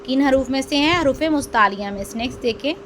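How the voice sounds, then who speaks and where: High-voiced woman teaching letter sounds. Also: fast, fairly bright tone, a little hiss or hum. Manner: drills letters aloud, drawn out and stressed; asks questions then answers them herself. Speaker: Quran reading teacher. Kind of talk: slow step-by-step lesson.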